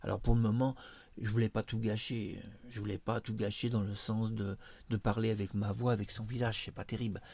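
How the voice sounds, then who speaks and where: A man's voice: fairly low pitch, level tone, fairly quick, darkish tone, no room sound. A man commenting to camera on his own video, enthusiastic and explanatory, with many hesitations. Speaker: video creator demonstrating a face mask software. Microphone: own microphone near the face.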